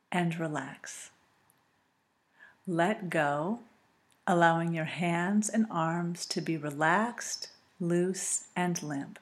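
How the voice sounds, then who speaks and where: A woman reading a calm, scripted guided relaxation, speaking slowly and soothingly with long pauses. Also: on the low side.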